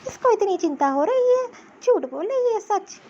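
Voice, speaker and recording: A woman's voice: very high voice, big pitch swings, normal speed, warm tone, dull audio. Woman voicing a nagging old mother-in-law. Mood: suspicious. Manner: scolding, nagging. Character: scheming old mother-in-law, stout, sharp-tongued. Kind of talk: cartoon voice acting.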